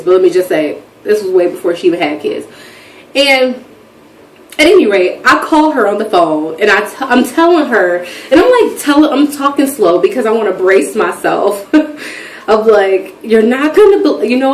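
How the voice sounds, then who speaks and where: A woman's voice: medium pitch, recorded from a distance. Rambling thirtysomething woman vlogger, heard a little off mic in a roomy space. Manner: chatty, rambling, animated storytelling. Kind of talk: casual chat. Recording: echoey room, voice from off mic, faint background noise.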